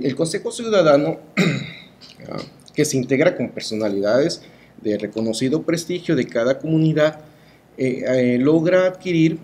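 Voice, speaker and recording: A man's voice: medium pitch, darkish tone. Emphatic middle-aged Mexican man. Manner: emphatic, rhetorical, ends phrases with tag questions. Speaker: cultural promoter and artist being interviewed. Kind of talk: opinionated interview talk.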